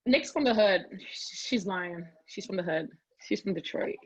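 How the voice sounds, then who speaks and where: A woman's voice: mid-range voice, expressive, moderate pace, husky, low-quality recording. A woman in her late twenties, an alumna guest, talking in a teasing, easygoing way. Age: late 20s. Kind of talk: casual chat interview.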